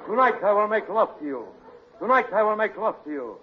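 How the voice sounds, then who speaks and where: Florid mock prince, swoopy voice, lo-fi radio sound. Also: male voice, sits high, a little fast, breathy edge, heavily acted. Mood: hammy wooing. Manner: florid, theatrical courtly flattery. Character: grandiose mock Russian prince, a hired male escort. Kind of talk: 1940s radio comedy acting. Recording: old radio broadcast, loud studio audience.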